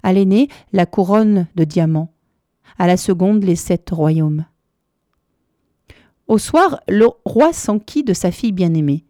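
Woman storyteller, fairy tale, mellow voice, measured pauses, dry close sound. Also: lowish voice, expressive, dry recording. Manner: measured, lilting, dramatic pauses. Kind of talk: storybook narration.

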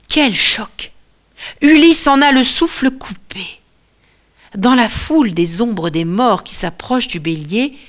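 A woman reading a mythological tale aloud as storyteller, with expressive, dramatic delivery. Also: medium pitch. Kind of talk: scripted storybook narration.

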